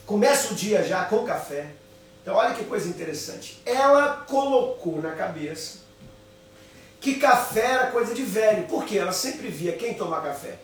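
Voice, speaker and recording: A man preaches in a story-driven way, his voice sitting fairly high. He sounds a little off-mic in a very echoey room. There is a faint hum of ambience behind him. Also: expressive, moderate pace, recorded from a distance. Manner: storytelling, repeats phrases for emphasis. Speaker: pastor. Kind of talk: sermon with personal stories. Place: home office.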